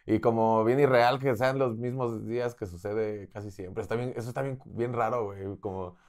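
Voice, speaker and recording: A man with a Mexico City accent, a comedian guest chatting in a relaxed, slangy way. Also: lowish voice, moderate pace. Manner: slangy, laid-back, says güey constantly. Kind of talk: casual chat.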